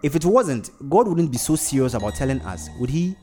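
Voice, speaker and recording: A man's voice: on the high side, very animated, fairly quick, a little mellow, soft background music. A man voicing an earnest, worried woman.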